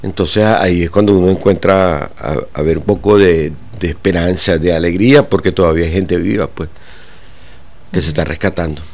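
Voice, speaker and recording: An older man from Venezuela, a guitar teacher, speaking haltingly with many pauses and fillers in a radio interview. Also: low-pitched, fairly even intonation, a little mellow. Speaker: guitar teacher and orchestra director.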